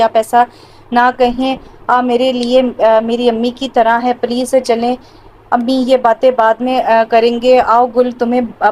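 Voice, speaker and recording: A woman's voice: a little high, a little mellow, slight background noise, poor audio. A woman narrating an audio novel, reading all the parts herself in a plain voice with small hesitations. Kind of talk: scripted narration reading every part.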